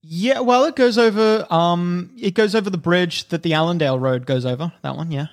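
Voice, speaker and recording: Chatty townsman in a tabletop game, voiced by a man, helpful, rambling directions, slightly high voice. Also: a little fast. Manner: chatty, helpful, describes routes at length. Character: townsman giving trail directions, plain-spoken. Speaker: non-player character.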